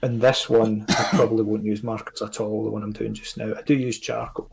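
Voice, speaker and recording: A Scottish comics creator chatting casually as a podcast guest, rambling and self-critical, with lots of fillers. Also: male voice, on the low side, flat delivery, brisk, gravelly, breathy edge. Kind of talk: casual chat.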